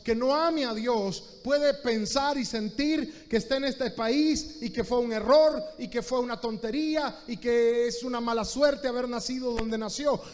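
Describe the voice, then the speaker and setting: A Honduran pastor preaches a sermon in Honduran Spanish, addressing the listener directly and repeating key phrases. His voice is very high, and the recording has a big-room sound.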